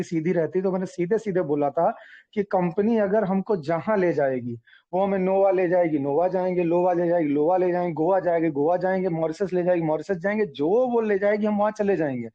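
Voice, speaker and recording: A man's voice: high-pitched, brisk, warm tone. Earnest man on a muffled call. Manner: earnest, repetitive, explains with examples. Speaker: team leader addressing members. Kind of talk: online group call talk.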